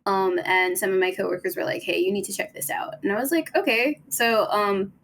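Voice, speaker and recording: A woman's voice: medium pitch, animated, a little fast, fairly bright tone. A woman chatting casually as a guest on a group podcast. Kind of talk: casual chat.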